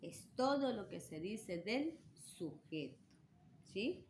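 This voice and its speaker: A woman teacher, slowly explaining a language lesson and checking understanding with frequent tag questions. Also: mid-range voice, expressive, darkish tone. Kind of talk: slow classroom explanation. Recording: clear background noise.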